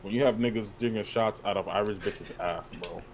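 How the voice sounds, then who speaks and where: A young man co-hosting a casual chat podcast, quick with blunt, teasing banter. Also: fairly low pitch. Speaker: podcast co-host. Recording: clear background noise.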